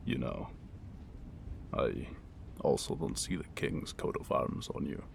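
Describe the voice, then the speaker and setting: A man performs an ASMR roleplay as a wounded mercenary warrior, speaking an intimate second-person monologue in a deep, gravelly, breathy murmur. Guarded and wry yet secretly tender, he sounds wry and probing, murmuring slowly in halting, formal, old-fashioned phrasing with an animated, exaggerated delivery. Rain and thunder ambience fills the background.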